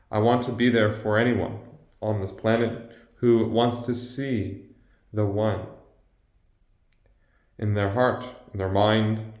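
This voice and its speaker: Voice pitched way down by an effect, dark and mellow, earnest and slow, roomy echo. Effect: pitch shifted deep. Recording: echoey, slightly dull audio.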